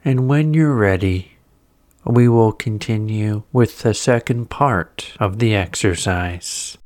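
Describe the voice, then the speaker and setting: Slow, soothing man guiding a meditation. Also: lowish voice. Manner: soothing, gentle, unhurried instruction. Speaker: guided meditation teacher. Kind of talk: guided meditation narration.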